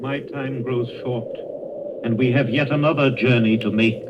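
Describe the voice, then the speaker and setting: An actor playing a solemn, relentless ghostly guide with a grave, commanding delivery in 1930s radio style. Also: male voice, mid-range voice, steady tone, normal speed, heavy background noise, lightly acted. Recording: muffled 1930s radio broadcast.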